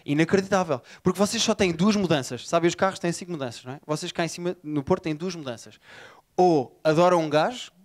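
High-voiced profane Lisbon comedian. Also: male voice, fast. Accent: Lisbon Portuguese. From Portugal. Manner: animated, profane, riffing with the crowd. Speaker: stand-up comedian. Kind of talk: stand-up comedy set. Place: comedy bar before a live audience. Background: audience laughter.

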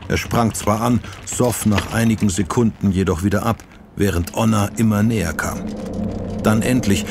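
A man narrating an audiobook in a measured, dramatic reading. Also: on the low side, noisy background. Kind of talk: scripted narration.

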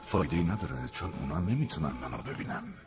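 An actor playing a wise, gentle father in a dubbed cartoon, speaking calmly and softly. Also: low-pitched, over music. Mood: tender. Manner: calm, soft, reassuring. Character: gentle wise father appearing to his son. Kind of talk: cartoon dubbing.

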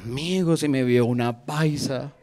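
A man in his thirties with a Bogotá Colombian accent doing an animated stand-up routine in a comedy bar, jumping into high voices for characters. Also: measured pace. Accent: Bogotá Colombian Spanish. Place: comedy bar stage with live audience. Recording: live crowd laughter behind.

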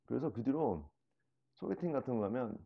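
A middle-aged man from South Korea answering interview questions casually, in a slow, halting way. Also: mid-range voice, lively intonation, dull audio. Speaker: interview guest. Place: small living room, on a sofa indoors.

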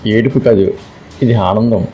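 Male narrator reading shy loving young woman, low voice, warm dark tone, storybook. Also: a little slow, a little hiss or hum, lightly acted, low-quality recording. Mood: affectionate.

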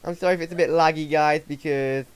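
A streamer trading crude, joking threats. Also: male voice, a little high, steady tone, quick pace, clear, resonant tone. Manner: swearing, mock-threatening banter. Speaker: livestreaming gamer. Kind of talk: casual gaming chat.

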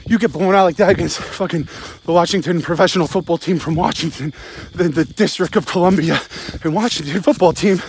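A football-loving sports vlogger in his forties, voice a little high and brisk, rants bluntly and with plenty of swearing after a game. He rambles to camera in short, emphatic bursts, walking outdoors at night with his phone held close, and there's slight background noise.

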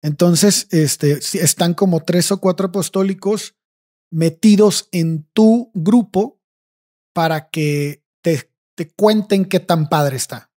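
Slangy Mexican man with a husky voice. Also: sits high, takes it slowly, mellow. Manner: slangy, swears freely, ends phrases with "güey". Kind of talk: casual storytelling chat.

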